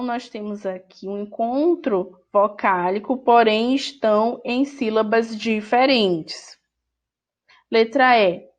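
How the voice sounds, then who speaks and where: A woman teacher with a Brazilian Portuguese accent, correcting a workbook in an online lesson, who speaks patiently and repeats each word. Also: a little high. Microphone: screen recording with voice-over.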